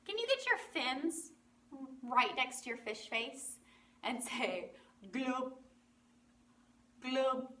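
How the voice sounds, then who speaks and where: A woman teaching a children's lesson, playful and animated, acting out animal sounds. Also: high-pitched, slow pace. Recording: roomy, from a distance.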